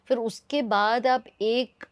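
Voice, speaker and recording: A woman's voice: on the high side, steady tone, takes it slowly, no room sound. A woman interviewing a guest on a talk show, asking thoughtful questions and mixing in English phrases. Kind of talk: casual interview.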